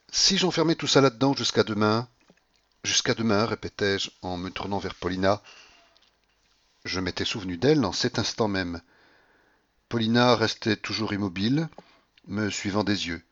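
A man with a low voice narrates a classic novel in a measured, steady way. The recording is dull and very dry, with no room sound. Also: no room sound. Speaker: audiobook reader. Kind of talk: literary audiobook narration.

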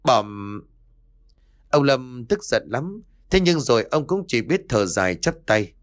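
A man's voice: mid-range voice, sing-song, slow pace. A man reading a serialized story aloud as audiobook narrator, voicing each character himself with shifts in tone. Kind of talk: scripted story narration with voiced dialogue.

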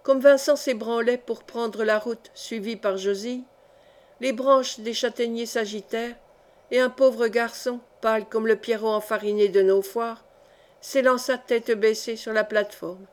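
Woman audiobook narrator, measured and even, somewhat higher voice. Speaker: audiobook reader. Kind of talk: scripted narration of a historical novel.

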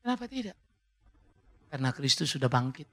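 A man preaching a sermon as pastor, lively, joking with the congregation and rising to shouted climaxes. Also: medium pitch, brisk.

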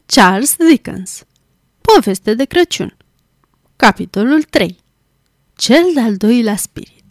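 A woman reading a classic tale aloud as an audiobook, measured and clear. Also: on the high side, animated, no room sound, studio quality. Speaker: volunteer audiobook reader. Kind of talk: scripted audiobook narration.

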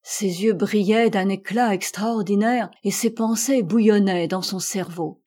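A woman reads a literary audiobook in a measured, steady manner. Her voice is mellow and dark-toned, with a soft husky edge. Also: lowish voice. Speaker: audiobook reader.

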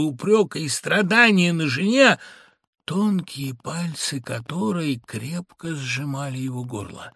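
A man reading a classic story aloud with dramatic, expressive narration. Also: a little high, no echo, clean studio sound.

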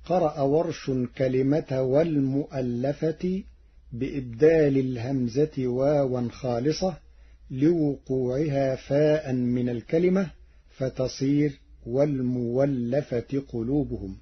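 A man from Egypt giving a formal radio lesson on Quran reading variants, measured and deliberate, chanting the verses he quotes. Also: medium pitch, slightly rough. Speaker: Quran recitation scholar. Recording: dull lo-fi radio broadcast.

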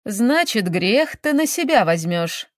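A crafty old village witch who takes her time, every word slow and knowing with a quiet mocking edge, as a woman reads her in a storybook. Her voice sits at a middle pitch and sounds dry and close. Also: big pitch swings, no echo. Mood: sly.

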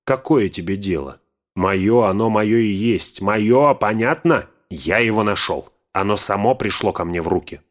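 A man putting on a shrill, possessive old hobbit. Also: normal speed. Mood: angry, possessive. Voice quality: shrill, cracking voice when angry. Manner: outbursts turning possessive and obsessive. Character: old male hobbit, fussy, possessive, touchy.

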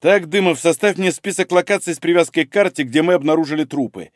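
A man's voice: a little high, fast talker, dry recording, studio quality, pitched above the performer's own voice, lightly acted. A man reading the part of a curt, blunt male police investigator giving orders. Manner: curt, commanding.

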